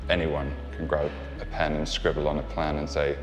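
A young man, an architect, calmly explaining design software in a large bare room. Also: a bass voice, moderate pace. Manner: steady and explanatory, with frequent restarts. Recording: long room reverb with background music.

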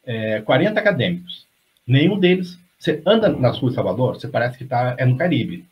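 A Brazilian novelist in middle age joins a casual video call as a guest, speaking fairly quickly at a medium pitch with big pitch swings. His talk wanders, full of restarts and tag questions, and the webcam recording is slightly dull and lo-fi.

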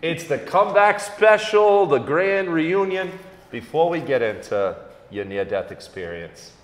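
A man co-hosting a comedy talk show, telling a story in a relaxed, animated way and laughing as he acts out quotes. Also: fairly high pitch, measured pace. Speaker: comedian co-host. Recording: echoey room with faint hum.

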